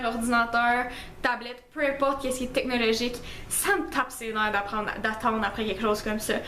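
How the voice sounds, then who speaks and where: Her voice is fairly high and fairly bright, reverberant, with slight background noise behind it. This young Québécois French-accented beauty vlogger casually lists facts about herself, filling the talk with self-mockery and fillers.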